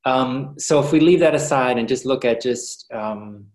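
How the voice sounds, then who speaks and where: Man, spiritual talk, gentle, earnest, unhurried, medium pitch, echoey room sound. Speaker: spiritual workshop speaker.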